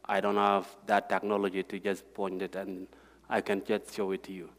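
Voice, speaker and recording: A man's voice: deep voice, completely flat delivery. Man speaking in an echoing hall. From South Sudan. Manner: halting, repeats words, plain heartfelt. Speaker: guest speaker. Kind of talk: personal testimony talk with slides. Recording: hall reverb.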